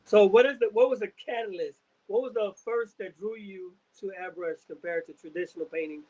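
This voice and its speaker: A man hosting a podcast with a notably high voice, asking his questions in a relaxed, easygoing way. His audio sounds dull and lo-fi. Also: a little fast. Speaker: podcast host. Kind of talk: casual interview chat.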